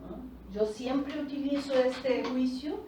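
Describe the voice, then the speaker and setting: Speaking in a high-pitched, warm voice with a bit of hiss or hum, a woman coach instructs a group in Spanish, though Portuguese is her native language. She explains slowly and keeps asking "¿tá?" to check in. The recording is echoey, with her far from the mic.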